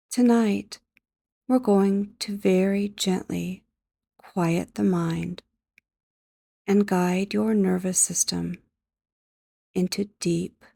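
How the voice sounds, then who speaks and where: A woman leads guided sleep hypnosis at a medium pitch, using a near-whisper that is soft and breathy. Her delivery is gentle and measured with long pauses, she is close to the microphone, and the recording is dry.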